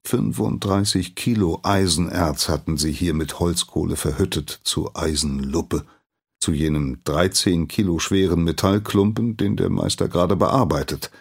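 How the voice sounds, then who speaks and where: Deep gravelly male narrator. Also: darkish tone. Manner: measured, storytelling. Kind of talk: scripted narration.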